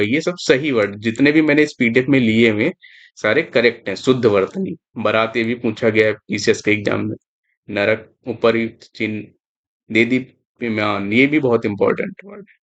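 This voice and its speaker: A man teaching exam spelling over slightly dull, lo-fi audio. His voice sits in a middle pitch. He goes through words one by one and keeps stressing which ones matter. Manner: repetitive, emphatic, stresses importance. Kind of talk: explaining spelling on screen.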